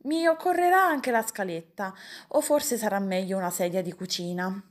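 A woman's voice: medium pitch, moderate pace, close to an everyday voice. A woman voicing a fussy, bossy middle-aged uncle who barks orders at his household in a storybook reading. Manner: loud, raised, exasperated barking of orders. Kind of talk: audiobook character voice.

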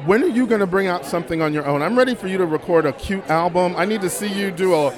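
A man's voice: high-pitched, fast talker. An American man in his fifties hosting with gushing red carpet chatter, effusive, sassy and full of familiar endearments. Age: 50s. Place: outdoor red carpet event. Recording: busy outdoor crowd and street noise. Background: crowd chatter, urban noise.

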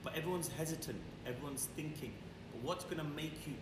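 A man co-hosting a motivational podcast, conversational, posing rhetorical questions and repeating his phrasing. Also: brisk. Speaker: podcast co-host. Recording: echoey, distant mic with background rumble.

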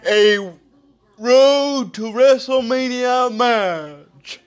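A man podcast host doing dramatic wrestling announcer hype in a theatrical, drawn-out, raised voice. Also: very high voice, clean tone.

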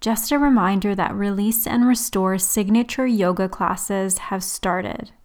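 A woman leading a guided relaxation meditation in a soothing, unhurried sleep-story manner, leaving long pauses. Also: mid-range voice, a little mellow. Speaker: yoga and meditation teacher, host. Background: background music.

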